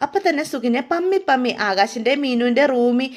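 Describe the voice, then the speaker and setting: A woman's voice: sits high, lively intonation, a little fast. A woman casually retelling a drama episode in a chatty manner, tagging lines with a friendly aside. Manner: chatty, tags lines with a friendly 'you know'. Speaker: storyteller.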